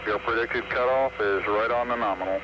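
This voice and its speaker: A man's voice: medium pitch, fairly even intonation, fairly quick, highs cut off. Noisy radio calls from male controller. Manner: clipped, businesslike. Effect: radio transmission. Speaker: mission control radio communicator. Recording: very noisy archival radio link.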